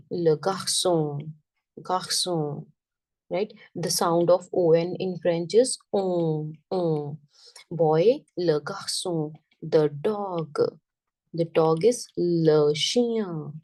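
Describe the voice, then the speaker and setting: A woman teaching a French lesson, repeating each word slowly and often checking that the class understands. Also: lowish voice, darkish tone, far from the mic, poor audio. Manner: patient, checks understanding with "got it?".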